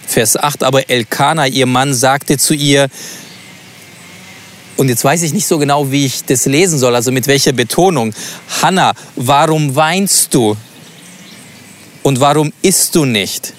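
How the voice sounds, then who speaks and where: A man's voice: mid-range voice, slight background noise. Reflective man teaching on a Bible passage. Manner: reflective, asks open questions. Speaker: preacher.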